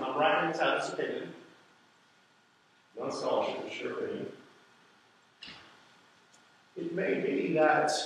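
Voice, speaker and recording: A man's voice: on the high side, slight background noise. A man, a pastor, teaching a church history class in a church, lecturing in a conversational way with wry asides and rhetorical questions. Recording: very echoey room, voice far from the mic.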